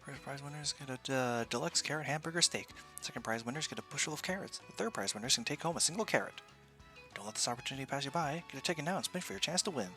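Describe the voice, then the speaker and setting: A man voicing an upbeat raffle announcer with booming prize-hawking patter in a video game. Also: expressive, fast talker, sharp tone, faint music behind.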